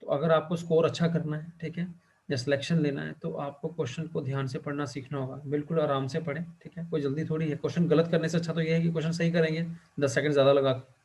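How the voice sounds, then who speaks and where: A male teacher lecturing a class, who keeps asking the students questions and fills his pauses with the same short check-in phrase. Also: on the high side, level tone, darkish tone. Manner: quizzes students and fills pauses with "theek hai".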